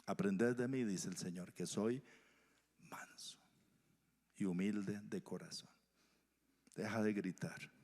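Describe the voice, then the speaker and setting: A male pastor from Colombia preaching a sermon, swinging from loud emphasis to hushed whispers. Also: lowish voice, slow pace, long pauses. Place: church hall. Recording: church hall reverb.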